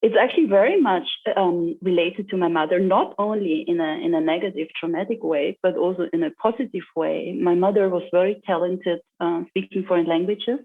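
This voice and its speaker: A woman answering interview questions earnestly, pausing often with ums and uhs. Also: fairly low pitch. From Austria. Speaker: guest, social entrepreneur. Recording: tinny phone-like line.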